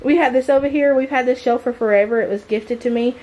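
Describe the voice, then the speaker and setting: A woman's voice: high voice, fast, darkish tone, muffled recording. A woman, chatting casually and rambling a bit as she tours her son's bedroom, filmed on a handheld camera. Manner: chatty, rambling with fillers and restarts. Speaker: vlogger, stay-at-home mom. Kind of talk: casual clean-with-me tour. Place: child's small red bedroom in a mobile home. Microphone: handheld camera at arm's length.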